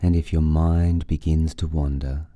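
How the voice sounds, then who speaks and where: A man leading a guided breathing meditation, giving soothing, unhurried instructions with long pauses between phrases. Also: extremely low pitch, level tone, dark tone, dry recording.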